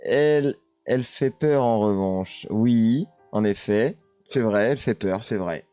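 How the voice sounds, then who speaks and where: French man, lowish voice, dry close sound, hesitant casual streamer who reads chat aloud. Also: a little slow, mellow, clear, resonant tone, no echo, faint music behind. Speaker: streamer hosting a paranormal live show.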